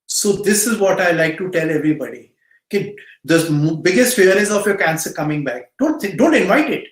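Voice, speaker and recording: Man, middle-aged, Indian accent, fairly high voice, earnest emphatic interview talk, echoing room sound. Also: animated, fairly quick. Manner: emphatic, repeats phrases for stress. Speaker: guest speaker, cancer patient support volunteer. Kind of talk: earnest interview answers and motivational advice to youth.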